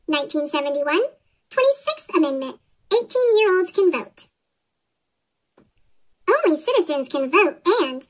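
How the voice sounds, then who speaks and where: A squeaky cartoon chipmunk voice, made with a pitched-up effect, reading a rhyming children's storybook aloud in a bouncy sing-song way. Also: fairly bright tone. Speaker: story narrator. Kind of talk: scripted children's storybook read-aloud in rhyme.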